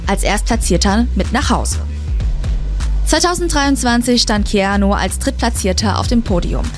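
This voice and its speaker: A female news reporter reading a scripted voice-over with faint music underneath. Her delivery is even and clear, a report read at a steady pace. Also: a little high, moderate pace.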